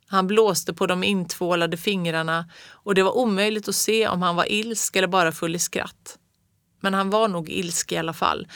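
A calm, even storyteller reading a children's book aloud. The pitch sits in a middle range. The recording is dry, with no room sound. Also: no room sound. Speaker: narrator.

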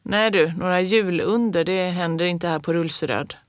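A reader voicing a grumpy farmer father in a storybook tale, gruff and raising his voice. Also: medium pitch, no room sound, studio quality, lightly acted. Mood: gruff scolding.

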